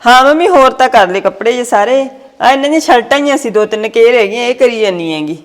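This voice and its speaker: A woman's voice: a little high, animated, fast talker. A young woman playing a placating elder daughter-in-law in a family skit. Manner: soothing, placating.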